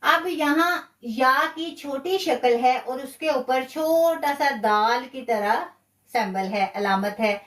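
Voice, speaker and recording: A woman with a high-pitched, slightly bright voice teaches Quran recitation rules in a live online lesson, sounding reverberant and far from the mic. She explains slowly and patiently, repeating key words.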